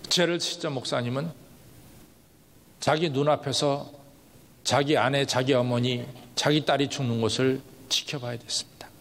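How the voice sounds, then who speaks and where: A man's voice: mid-range voice, steady tone, normal speed, gravelly, fairly bright tone. A male pastor preaching a sermon, telling a story with emotion in short, dramatic phrases. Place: large church event hall. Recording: long hall reverb at a church gathering.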